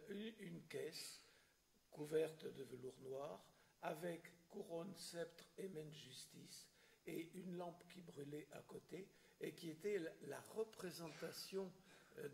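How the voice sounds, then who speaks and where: A man lecturing on history with a fairly high voice. He speaks haltingly, stopping for filler sounds and restarting phrases. Now and then he clears his throat. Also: a little mellow. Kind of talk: public lecture with questions.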